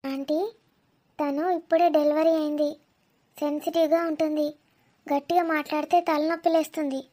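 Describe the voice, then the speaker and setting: A woman playing a high-voiced fussy young woman. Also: flat delivery, moderate pace, dark tone, natural voice. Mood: instructing. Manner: polite, instructing, slightly exasperated. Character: polite, fussy young woman, careful and correcting. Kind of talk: comedy skit acting.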